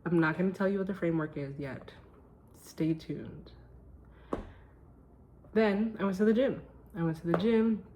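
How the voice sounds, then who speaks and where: A woman's voice: lowish voice, moderate pace, long pauses, warm tone, a little hiss or hum. A woman vlogging to camera at home at night, talking casually about her day and her well-being research in an emphatic, self-joking way. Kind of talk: casual chatty vlog.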